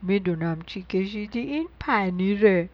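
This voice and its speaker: A woman's voice: medium pitch, lively intonation, no echo, highs cut off, natural voice. A woman voicing a hungry, greedy male mouse in a children's story, eager and insistent. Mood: smug.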